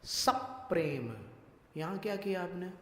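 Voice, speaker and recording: A male monk giving a religious discourse, teaching Sanskrit pronunciation slowly and deliberately and putting questions to his listeners. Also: high-pitched, animated, fairly bright tone, a little hiss or hum. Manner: slow, deliberate, questions the audience. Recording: echoey hall with long reverb.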